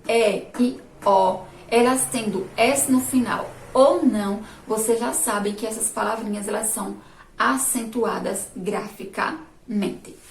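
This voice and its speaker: A woman with a Brazilian Portuguese accent teaching a remote class, asking her pupils questions and answering them herself, sounding out syllables slowly and loudly. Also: on the high side, recorded from a distance, a little hiss or hum. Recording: roomy echo, voice from off mic.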